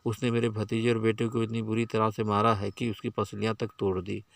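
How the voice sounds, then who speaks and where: A man's voice: fairly low pitch, monotone, fairly quick, vocal fry, no echo. A man voicing a middle-aged village landlord who barks threats and orders. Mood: domineering. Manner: domineering, shouting orders.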